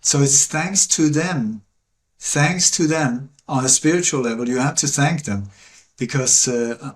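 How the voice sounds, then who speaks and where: A man's voice: mid-range voice, measured pace. A man speaking as a guest in a podcast interview, earnest and emphatic, sliding into a preaching cadence. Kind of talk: conversational interview.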